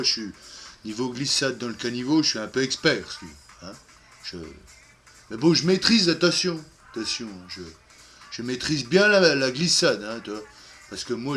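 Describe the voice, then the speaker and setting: A man's voice: fairly low pitch, pushed and bright. A man playing a lonely, boastful, boozy man in a comic monologue, rambling with constant fillers and trailing off into mumbles.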